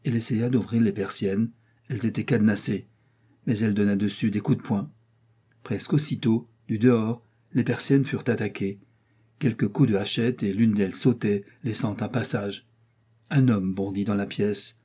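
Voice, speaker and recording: Husky-voiced man narrating a novel. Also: fairly low pitch, fairly even intonation, mellow. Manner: measured, theatrical storytelling. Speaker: audiobook narrator. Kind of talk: dramatic audiobook reading.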